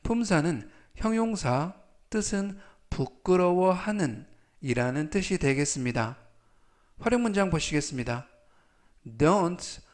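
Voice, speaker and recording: Man, English vocabulary teacher, slightly high voice, very slow delivery, repeats each word three times, polite and formal. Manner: stretches English example sentences out very slowly. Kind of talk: slow, deliberate vocabulary lesson.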